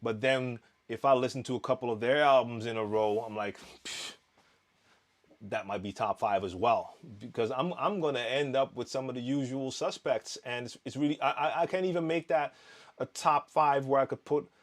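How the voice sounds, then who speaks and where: Hosting a live Q&A stream, a laid-back DJ from the Netherlands, a native Dutch speaker, reads out and answers viewer comments at a moderate pace. He sounds chatty and rambling, with an ordinary middle pitch for a man and plenty of "um"s and false starts.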